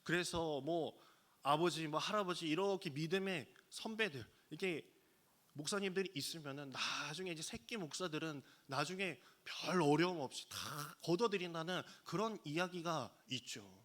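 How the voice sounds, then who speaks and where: A male pastor preaching a sermon in a storytelling way, acting out quoted lines with sudden pitch jumps. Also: expressive, normal speed, fairly bright tone. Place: church sanctuary.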